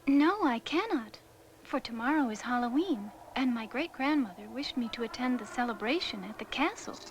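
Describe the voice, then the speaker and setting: A woman's voice: on the high side, lively intonation, normal speed, slight background noise. A woman playing a timid, sweet orphan girl in a storybook drama, earnest and plaintive. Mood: fearful, earnest. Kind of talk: dramatized storybook fairy tale.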